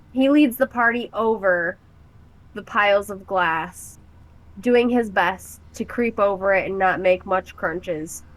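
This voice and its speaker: A woman playing a tabletop role-playing game, narrating what her character does in a descriptive, halting way with fillers. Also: mid-range voice, a bit bright, rough recording. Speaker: player.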